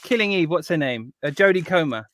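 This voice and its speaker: Amid crowd noise, an English man who is a guest composer chats casually in a slightly high, brisk voice. He rambles in a relaxed way and fills his speech with lots of ums.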